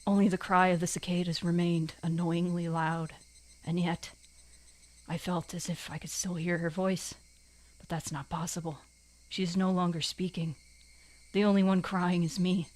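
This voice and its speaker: A woman's voice: fairly low pitch, flat delivery, moderate pace, darkish tone, close to an everyday voice. A woman voicing an anguished teenage anime boy, reading visual novel narration dramatically in an anime boy voice. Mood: anguished, brooding.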